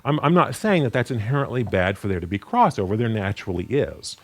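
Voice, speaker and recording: Male Bible teacher, sermon delivery, lively pitch that climbs for emphasis, halting with many restarts. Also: husky. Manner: halting, with frequent repeated words and restarts; animated pitch, rising sharply for emphasis. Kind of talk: unscripted Bible study sermon.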